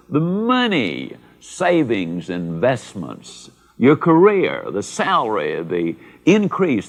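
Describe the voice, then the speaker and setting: An older man giving a motivational speech in a folksy, emphatic storytelling manner. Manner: folksy, emphatic storyteller with dramatic pitch swings. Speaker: motivational speaker.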